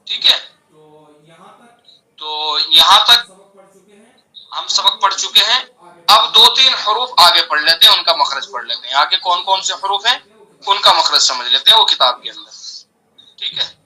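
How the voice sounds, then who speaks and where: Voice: mid-range voice, animated, pauses often, sharp tone, poor audio. A patient teacher giving a Quran recitation lesson, who repeats each letter many times and keeps checking that the learner follows. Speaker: tajweed teacher.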